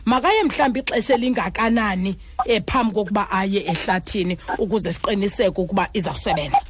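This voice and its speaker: A woman's voice: mid-range voice, quick pace, slight background noise. South African woman hosting a radio phone-in. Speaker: radio host. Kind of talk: phone-in health talk.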